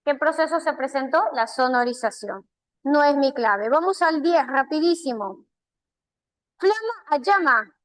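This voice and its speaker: High-voiced Peruvian teacher, slow and patient. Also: female voice, expressive, rough recording. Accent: Peruvian Spanish. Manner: patient, repeats key terms slowly. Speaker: language teacher. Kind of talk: online class feedback.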